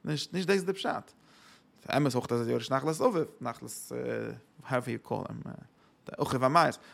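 A man's voice: fairly high pitch, gravelly. A man giving a Torah lecture, asking rhetorical questions and answering them, with English words mixed in.

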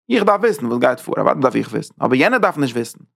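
A man teaching a Torah class in a lively lecture style, talking with sudden leaps in pitch. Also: racing, vocal fry.

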